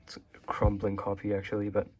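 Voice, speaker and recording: Speaking fast in a lowish voice, a young Hong Kong man whose first language is Chinese vlogs about his bookshelf. His tour is relaxed and meandering, full of filler words.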